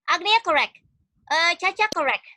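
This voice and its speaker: A woman's voice: very high voice, animated, normal speed, sharp tone, slight background noise. A woman with an Indonesian accent teaching an online class over a video call, affectionately encouraging students and calling on them one by one.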